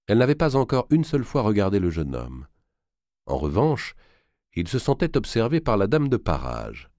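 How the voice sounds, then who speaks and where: A man narrating a historical novel as an expressive audiobook reader. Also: low voice, no room sound, studio quality. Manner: expressive storyteller, varied delivery.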